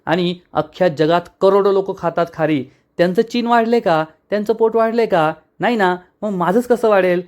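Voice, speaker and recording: A man voicing a chatty, cheeky young wife who teases and argues in rapid, mock-indignant bursts. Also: medium pitch, darkish tone, close to an everyday voice. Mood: chattering, teasing.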